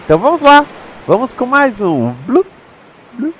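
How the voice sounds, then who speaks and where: Brazilian male host, higher voice, upbeat announcer read for a podcast opener. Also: sing-song, measured pace, a bit bright, a little hiss or hum. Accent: Brazilian Portuguese. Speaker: show host. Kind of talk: scripted show introduction.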